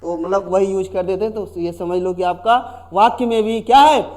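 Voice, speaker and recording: A man with a high, slightly mellow voice teaches a grammar lesson at a normal pace. He repeats himself often and poses questions to the class, then answers them himself.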